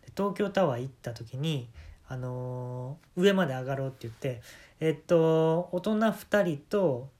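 Rambling Kansai man, animated pitch. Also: unhurried, few pauses. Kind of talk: solo comedic monologue.

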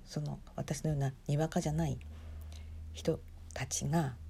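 A woman hosting a casual talk, commenting in hushed whispers while she watches a concert stream at home. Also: deep voice, fairly even intonation, normal speed, gravelly, slight background noise. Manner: speaks softly in hushed whispers; chatty, reacts aloud to what she sees. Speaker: podcast host watching a livestream.

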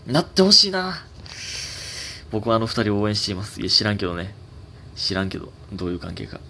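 A man's voice: lowish voice, fast talker, a little hiss or hum. A man in his twenties with a Kansai accent, hosting a casual solo talk show and reading letters in a rambling, filler-heavy way. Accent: Kansai Japanese. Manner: rambling, chatty, many fillers, swings up in excitement. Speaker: podcast host.

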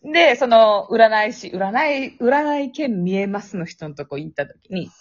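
A young woman with a Kansai accent co-hosts a podcast, chatting casually as she tells a spooky story, laughing often and acting out phone voices. Her medium-pitched voice is animated and a little slow. It was captured through a phone app, giving a dull lo-fi sound.

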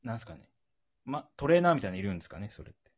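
A man's voice: mid-range voice, very animated, very fast, husky. A young man, chatting casually on a podcast and playfully acting out scenes. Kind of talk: casual chat. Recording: dull lo-fi recording.

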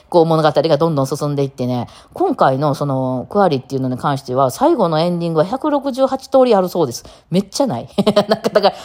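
A woman with a Kansai accent chats on her own talk show. Her voice sits low for a woman, yet it swings widely up and down. She rattles along quickly, rambling through fillers and small laughs. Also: darkish tone. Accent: Kansai Japanese. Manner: chatty, rambling, laughs often, many fillers. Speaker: podcast host. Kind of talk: casual solo talk.

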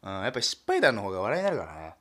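A male comedian from Nagasaki in a relaxed, self-deprecating solo talk, chuckling often and padding his speech with fillers. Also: fairly low pitch, racing. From Nagasaki, Japan. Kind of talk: casual solo talk monologue.

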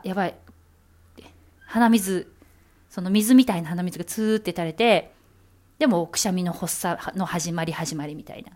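A woman announcer hosts her own solo talk show. She chats in a relaxed, playful way, with many small fillers and asides. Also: medium pitch. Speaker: announcer and podcast host.

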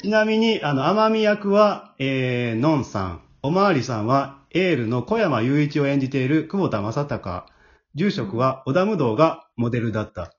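A man hosts a casual chat show, reading out messages in polite, announcer-style phrasing. His mid-range voice is sing-song at a normal speed. The audio is muffled and lo-fi, with background noise.

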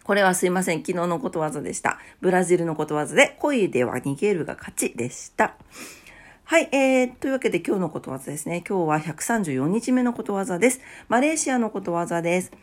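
A woman's voice: lowish voice, lively intonation, fast. A woman hosting a casual morning talk show, a bit stuffy-nosed, chatty and laughing at her own asides. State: stuffy nose. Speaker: podcast host.

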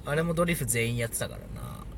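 A man's voice: medium pitch, very animated, fast, creaky, noisy background. A man from a comedy duo, chatting casually, rambling into playful wordplay and laughing often. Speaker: comedy duo member co-hosting a podcast. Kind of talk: casual banter.

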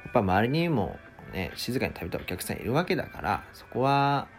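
A man's voice: medium pitch, sing-song, brisk, soft background music. A man hosting a casual solo talk show, ranting in exasperation and acting out customers' lines. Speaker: podcast host, former restaurant part-timer.

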